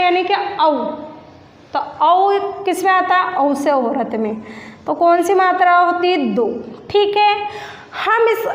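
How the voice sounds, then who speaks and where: A woman teaches a young children's class in a high, unhurried voice. She sounds out each letter and sound one at a time. Her voice rings with echo and a long reverb tail in the room. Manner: slow and deliberate, spells out sounds and letters one by one. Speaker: primary school teacher. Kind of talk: classroom lesson.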